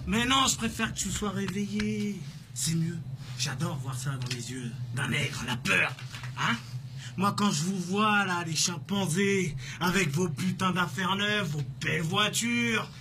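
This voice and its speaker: Brief: male actor as cruel psychopathic villain, slow gloating taunts, high-ish voice, noisy low-budget street sound. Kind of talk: street film acting.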